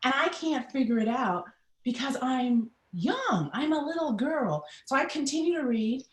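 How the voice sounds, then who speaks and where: Trinidadian woman, middle-aged, guest recounting her past with animated voices, echoey room. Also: sits high, normal speed. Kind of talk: personal storytelling in an interview. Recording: roomy echo.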